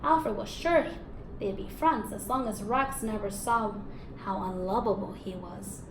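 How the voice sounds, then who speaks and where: Speaking unhurriedly at medium pitch, a woman teacher reads a storybook expressively to young pupils, asking them questions and affirming their answers. There's a roomy echo and faint background noise in the recording.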